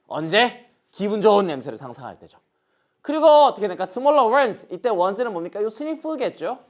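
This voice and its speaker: Man teaching with lively rhetorical questions. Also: high-pitched, normal speed. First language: Korean. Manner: asks rhetorical questions and answers them himself; points at the board while explaining. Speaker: English teacher. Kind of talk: online lecture.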